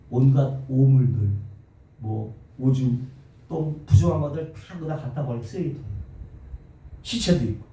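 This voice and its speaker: A male pastor preaching a sermon in a church, animated and full of rhetorical questions to the congregation. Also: fairly high pitch. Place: church sanctuary. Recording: very echoey church hall, distant mic.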